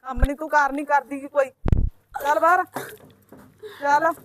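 A woman's voice: high voice, fairly even intonation, moderate pace, noisy background, lightly acted. A woman playing a bossy, nagging village mother-in-law in a comedy skit, with a Malwai Punjabi accent. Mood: scolding. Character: scolding middle-aged village mother-in-law.

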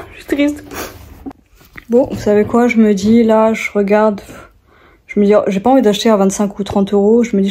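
A woman's voice: mid-range voice, warm tone. A young woman, chatting casually to viewers in a rambling vlog, with many fillers and restarts. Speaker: vlogger.

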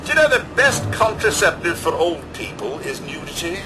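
A man's voice: fairly high pitch, very animated, normal speed, background noise. An actor voicing a polite, formal male robot butler in a video game. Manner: formal, courteous and proper.

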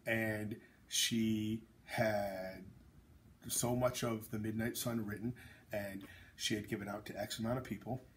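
A man's voice: fairly low pitch, steady tone, unhurried, a little hiss or hum. A man, an author hosting a casual chat, talking bluntly and jokingly with lots of fillers and tangents. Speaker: author and host.

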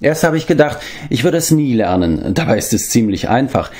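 A man's voice: mid-range voice, big pitch swings, fairly quick, a little mellow, voice pushed up, close to an everyday voice. Man voicing Eilonwy, a sly young princess. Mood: arch. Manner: arch, teasing, matter-of-fact.

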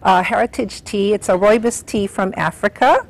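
Middle-aged woman guest, eager and upbeat, slightly halting, studio lapel mic. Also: mid-range voice, gravelly. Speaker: tea room owner, guest. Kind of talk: promotional TV interview. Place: TV studio set.

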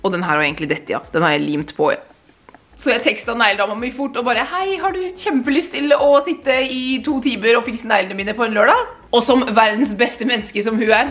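A chatty young woman from Norway talks straight to the camera in a casual vlog, lively and breezy, slipping English words into her talk. She has the hiccups, and faint music sits underneath her voice. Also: medium pitch. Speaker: vlogger.

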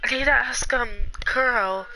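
A woman's voice: on the high side, normal speed, bright, forceful tone, poor audio. A woman chatting casually and scatteredly, thinking aloud and giggling, sometimes dropping to a mutter while she checks her phone. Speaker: roleplay fan vlogger. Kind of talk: casual rambling chat.

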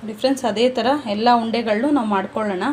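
A woman's voice: fairly high pitch, fairly even intonation, rapid-fire, darkish tone. A woman hosting a home cooking video, giving step-by-step instructions in a chatty way and calling her viewers friends. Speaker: cooking channel host. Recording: faint background noise.

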